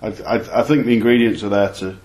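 A man in a casual chat, halting and careful with his opinions. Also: lowish voice, steady tone, a little mellow, a little hiss or hum. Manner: hesitant, restarts, cautious opinions.

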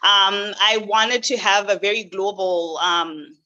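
A young woman, a guest on an interview, answering in an upbeat, measured way with frequent ums. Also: medium pitch, pushed and bright, highs cut off. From Zimbabwe. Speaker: guest, new resident doctor. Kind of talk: casual interview.

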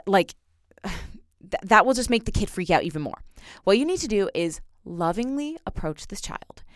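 A woman's voice: low voice, clear, resonant tone, no room sound, clean studio sound. A young woman hosting a self-help podcast, talking in a chatty way with lots of filler words. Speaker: podcast host.

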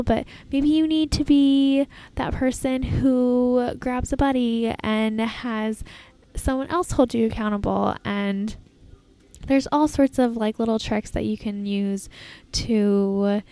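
A woman hosting a casual, reflective solo podcast in an informal, halting way, recorded in an airport terminal. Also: on the high side, steady tone, dark tone, no echo. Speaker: podcast host. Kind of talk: casual solo podcast talk, self-help advice.

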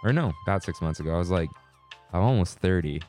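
Man, 20s, lowish voice, very lively pitch, laughing storyteller, podcast co-host, faint music behind. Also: fast talker. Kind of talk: casual chat.

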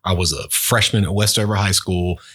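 Guy hosting an interview, low voice, friendly and chatty. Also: steady tone, brisk, a bit bright, slightly rough. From Albany, Georgia. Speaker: interview host, banker. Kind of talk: casual interview chat.

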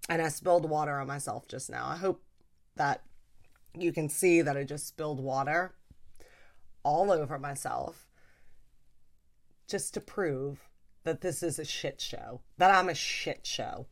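A woman's voice: sits low, a little slow, pauses often. Chatty, frank woman comedian. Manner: animated, chatty and frank, with frequent laughs and playful swearing. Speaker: podcast host and comedian. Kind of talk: casual solo podcast chat.

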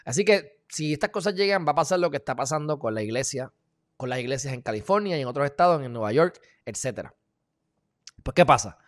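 A man with a Puerto Rican accent giving emphatic, heated commentary in a casual live video, talking straight to his viewers with sudden loud bursts. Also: mid-range voice, lively intonation, quick pace. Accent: Puerto Rican Spanish. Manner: informal, addresses viewers as "mi gente". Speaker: live-stream political commentator.

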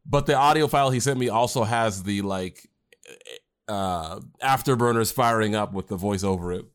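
Chatty low-voiced man co-hosting. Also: moderate pace, smooth. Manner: chatty, rambling with fillers and restarts. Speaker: podcast co-host and anime creator. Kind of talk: casual chat.

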